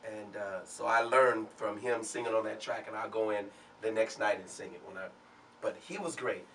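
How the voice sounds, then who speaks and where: A man with a low, bright, forceful voice telling relaxed stories as a guest in a talk show studio. The mic sits at a distance and faint noise hangs behind him. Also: normal speed. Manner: relaxed anecdotal storyteller. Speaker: guest, singer. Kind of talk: storytelling in an interview.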